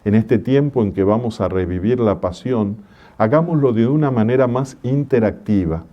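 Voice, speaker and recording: A man, a parish priest giving a religious conference talk in a gentle, measured preaching manner with homely stories. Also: lowish voice, muffled recording.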